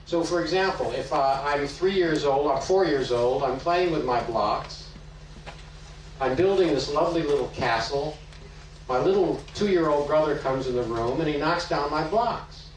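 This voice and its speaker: A man's voice: on the high side, normal speed, slight background noise. A man explaining psychology in a lecture, telling stories and asking rhetorical questions. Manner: storytelling, asks rhetorical questions. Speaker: psychology teacher. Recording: echoey room, voice from far off.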